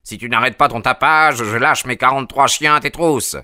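A man voicing a gruff old animal keeper who shouts threats, then turns friendly. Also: mid-range voice, lively intonation, a little slow, no room sound, clean studio sound. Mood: angry.

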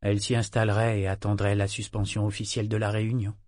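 A man narrating an audiobook in a measured, even reading. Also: on the low side, no room sound, clean studio sound.

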